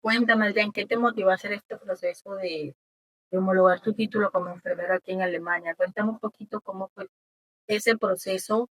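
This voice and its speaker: A woman hosts an interview, guiding her guest with friendly, encouraging questions. Her voice sits at a middle pitch. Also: fairly even intonation, a little fast, a bit bright. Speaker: interviewer, channel host. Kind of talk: casual interview.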